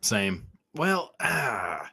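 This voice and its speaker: A man's voice: on the low side, big pitch swings, drawn-out words, vocal fry, pushed and bright, breathy edge, no room sound. A man with a standard American accent in casual, comedic podcast chat, often repeating short phrases as he goes. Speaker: podcast host.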